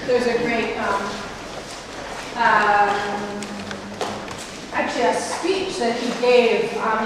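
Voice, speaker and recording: Walking and gesturing, a museum curator in her thirties gives a gallery tour, chatting along with frequent ums and restarts. Her slightly high voice is amplified by a handheld mic through a loudspeaker and recorded by a far camera in a large indoor room. The result is echoey, noisy, and distant.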